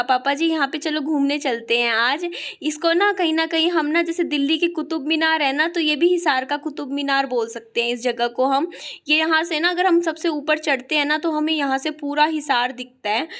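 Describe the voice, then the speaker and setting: Woman vlogger from Haryana, very high pitch, sore throat, fast and chatty with lots of fillers. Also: steady tone, a bit bright. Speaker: family vlogger. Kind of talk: casual vlog chat to viewers.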